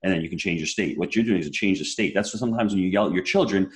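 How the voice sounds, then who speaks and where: Male host, very deep voice, quick earnest delivery. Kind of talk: casual podcast conversation.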